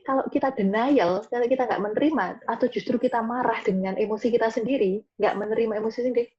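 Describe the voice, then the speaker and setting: A woman's voice: medium pitch, warm tone, husky, muffled recording. A woman speaking as a guest on a mental health webinar, explaining things reassuringly and repeating her key points over a video call. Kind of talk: webinar talk with audience questions.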